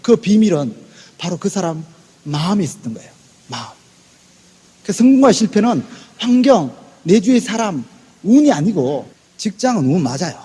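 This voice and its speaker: High, lively man with hall echo. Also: moderate pace, long pauses, husky. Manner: animated, acts out quoted dialogue, bursts into shouts; hot-tempered. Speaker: sales business presenter. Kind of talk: motivational storytelling talk to an audience.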